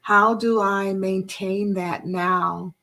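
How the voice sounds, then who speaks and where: A woman's voice: medium pitch, steady tone, slow pace, bright, forceful tone. A woman hosting a faith-based interview show, encouraging her guest and quoting scripture. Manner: encouraging, affirming, quotes scripture. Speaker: podcast host.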